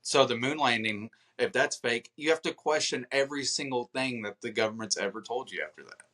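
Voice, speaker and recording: Young male co-host, bright forceful tone, animated casual storyteller on a call. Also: medium pitch, brisk. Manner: animated storytelling, mimics people he quotes. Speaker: podcast co-host. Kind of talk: casual chat. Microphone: video call.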